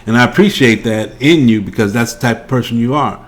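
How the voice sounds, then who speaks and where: A man's voice: medium pitch, fast talker. An older man co-hosting a casual chat with his wife, rambling and restarting often. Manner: rambling, with frequent restarts and laughs. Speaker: podcast co-host. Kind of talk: casual chat between spouses.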